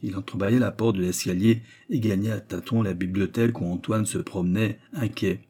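A male narrator reads a classic novel aloud in a measured, steady way. His voice is husky and mellow, with a dark, soft tone. The delivery stays calm and literary throughout. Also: on the low side. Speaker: audiobook narrator.

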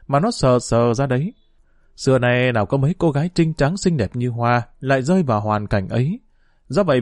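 Expressive male storyteller, dry close sound. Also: mid-range voice, dry recording. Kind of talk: scripted narration of a short story.

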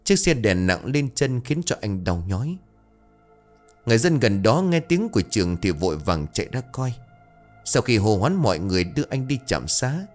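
A man narrating a scripted ghost story in an expressive, dramatic storytelling manner. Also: fairly low pitch, normal speed, soft background music.

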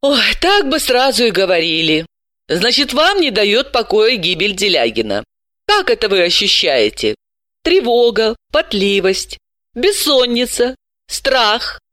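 A woman voicing a sharp, ironic female psychoanalyst in an audiobook, brisk and sarcastic. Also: big pitch swings, dry recording, studio quality, heavily acted. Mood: businesslike. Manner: sarcastic, brisk and high-pitched. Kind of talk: audiobook character voice.

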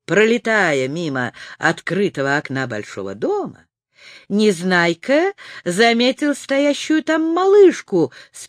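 A woman narrating a children's audiobook in a slow, expressive storytelling manner. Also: mid-range voice, dry recording, clean studio sound.

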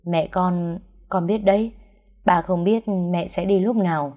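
A woman voicing a sorrowful older stepfather in a storybook, speaking gently and haltingly. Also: fairly low pitch, fairly even intonation, lo-fi sound, natural voice. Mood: grieving.

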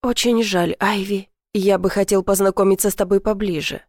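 A woman's voice: medium pitch, fairly even intonation, normal speed, darkish tone, no echo, clean studio sound, natural voice. A woman voicing a confident, playful young man with a resonant voice in an audiobook, easygoing and persistent. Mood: charming. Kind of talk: audiobook character voice.

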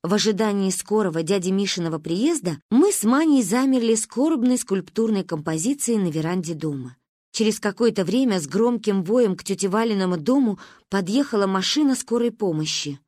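A woman narrating a story in an expressive, animated reading. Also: medium pitch, brisk, no room sound, studio quality. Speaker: audiobook narrator.

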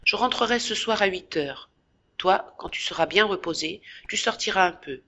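A woman voicing a tender young man who comforts his younger brother, speaking softly and reassuringly in an audiobook. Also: medium pitch, normal speed. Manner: soft, reassuring, slightly trembling. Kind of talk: audiobook character voice.

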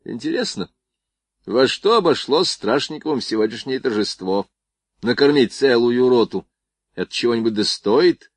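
A man's voice: mid-range voice, expressive, normal speed, dry recording, lightly acted. A man reading the lines of a curious, easygoing young ensign.

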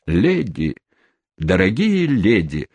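A man voicing a flustered older English gentleman who pleads desperately, in an audiobook reading. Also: deep voice, huge pitch swings, slow pace, dry recording, full character voice. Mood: pleading. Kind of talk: audiobook character voice.

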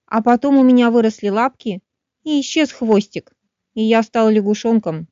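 A woman voicing a curious, cheerful little male froglet in a storybook, drawing out croaky words slowly. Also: fairly high pitch, warm tone, no room sound, natural voice. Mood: eager. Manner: slow, wondering, drawn-out croaky 'kvak' sounds. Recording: dull, dry studio sound.

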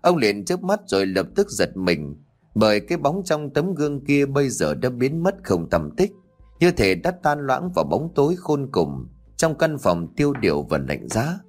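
Man narrating ghost story, animated pitch, dramatic delivery, faint music underneath. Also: normal speed.

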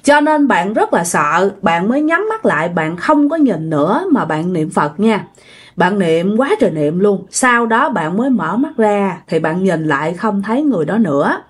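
A woman's voice: mid-range voice, big pitch swings, normal speed, breathy edge. A woman with a Southern Vietnamese accent narrating ghost stories in a chatty way, speaking directly to her listeners. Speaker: storyteller.

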